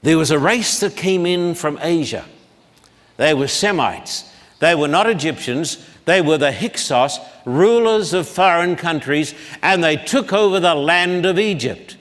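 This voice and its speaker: Slow, deliberate male Bible lecturer. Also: on the high side, expressive, a bit bright. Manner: slow, deliberate, sounds out names syllable by syllable. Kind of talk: public Bible lecture with blackboard. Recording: long hall reverb.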